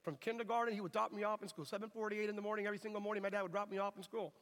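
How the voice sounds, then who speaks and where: A middle-aged American man preaching a sermon, telling lively, humorous stories. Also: sits high, very fast. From United States. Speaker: pastor. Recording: reverberant hall.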